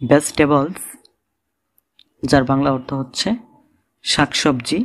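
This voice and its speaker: A man's voice: medium pitch, fairly even intonation, slow pace, a bit bright. A man with a Bangladeshi Bengali accent teaching English reading, spelling out words letter by letter and giving their meanings. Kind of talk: slow instructional lesson.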